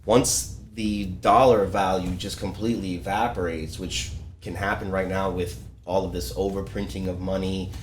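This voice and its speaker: A man's voice: low voice, little pitch movement, normal speed, few pauses, reverberant. A man from Ecuador talking casually as a guest, explaining things with many fillers and restarts. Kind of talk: casual podcast conversation. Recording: faint background noise.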